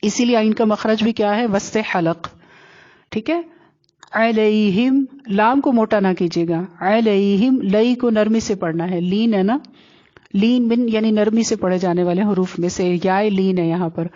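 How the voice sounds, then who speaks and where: A woman's voice: mid-range voice, warm tone. Patient woman teaching recitation, lo-fi sound. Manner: patient, checks understanding, slowly chants example words. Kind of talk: explaining recitation rules to students.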